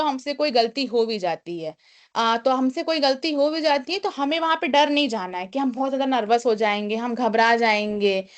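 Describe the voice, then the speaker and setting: A young woman teaching a live online class, explaining step by step, reading English lines slowly and then restating them, often pausing on a filler phrase. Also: high-pitched. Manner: frequent filler "kya kehte hain".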